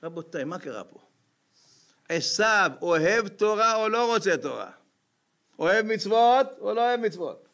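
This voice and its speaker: Animated rabbi preaching, slightly high voice. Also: male voice. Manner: lively, peppered with rhetorical questions to the audience. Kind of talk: sermon.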